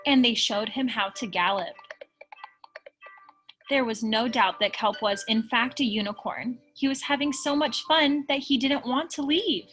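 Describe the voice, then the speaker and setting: A woman reading a children's picture book aloud in an expressive storytelling style. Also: fairly high pitch, a little slow, poor audio. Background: music behind the voice.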